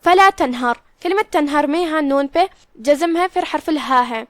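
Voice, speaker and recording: A woman teaching Quran recitation rules, explaining each letter slowly and methodically. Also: sits high, no echo, clean studio sound. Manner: slow, methodical, careful articulation. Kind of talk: tajweed lesson, explaining then reciting.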